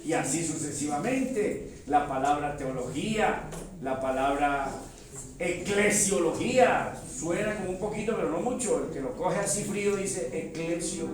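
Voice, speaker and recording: A man's voice: a little high, measured pace. A man teaching a church Bible seminar in a conversational way, often asking his listeners rhetorical questions and calling them affectionately. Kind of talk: classroom-style Bible teaching. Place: church hall. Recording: very echoey hall, voice from far off.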